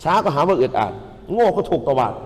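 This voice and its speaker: A man's voice: sits high, sing-song, brisk. A man, a Buddhist monk, gives a humorous sermon to a live audience, telling jokes and leading call-and-response. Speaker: Buddhist monk giving a dharma talk. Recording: long hall reverb.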